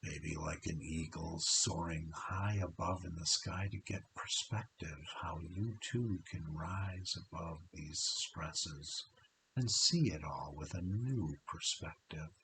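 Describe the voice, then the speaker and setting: A man with a very deep voice talks slowly and softly through a guided relaxation, stretching each phrase and leaving long pauses. He slips now and then into a breathy half-whisper. A steady hiss sits under the whole recording. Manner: soft, slow, hypnotic delivery with long pauses and drawn-out phrases.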